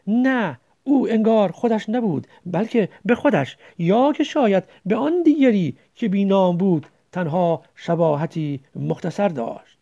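A woman narrating a story in a measured way, slowing down for emphasis. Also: mid-range voice, animated, mellow. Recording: dull lo-fi recording.

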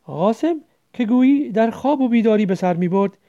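A woman narrating a story in a measured way, slowing down for emphasis. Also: a little high, lively intonation, dark tone. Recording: dull lo-fi recording.

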